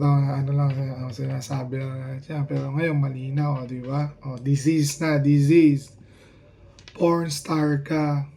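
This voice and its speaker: A man talking casually to the camera in a rambling, halting way, often restarting his sentences. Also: a little high, warm tone, slight background noise. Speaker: vlogger.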